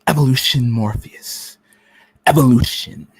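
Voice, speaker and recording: A man playing a cold, contemptuous machine agent in a radio play reading, speaking deliberately with menace and dropping into whispers. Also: medium pitch, slightly rough, no room sound, low-quality recording. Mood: smug menace.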